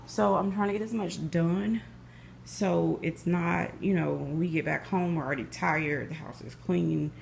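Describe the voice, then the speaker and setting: A woman's voice: lowish voice, a little slow, gravelly, slight background noise. A woman, chatting casually and correcting herself as she cleans her home kitchen on a phone camera. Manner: chatty, relaxed, self-correcting. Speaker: vlogger. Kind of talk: casual chat while cleaning.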